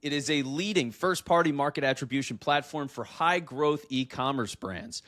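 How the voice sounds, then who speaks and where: A man's voice: mid-range voice, moderate pace, fairly bright tone, no echo, studio quality. A man hosting a podcast interview with a polished, upbeat radio-style delivery. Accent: neutral American broadcast. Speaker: podcast host.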